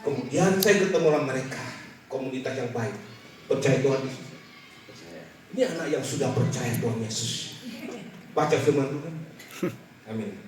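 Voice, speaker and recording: A man preaching a lively, animated church sermon to a congregation, illustrating his points with everyday stories. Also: mid-range voice, moderate pace, pauses often, recorded from a distance. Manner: animated, rising to shouted calls to the congregation. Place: large church hall with a congregation. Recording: echoey church hall, mic from afar.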